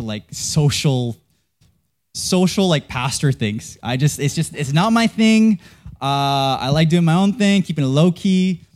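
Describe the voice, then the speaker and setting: A young Canadian pastor delivers a sermon in a medium-pitched, slightly mellow voice. He tells a story casually and pokes fun at himself, with plenty of fillers and restarts.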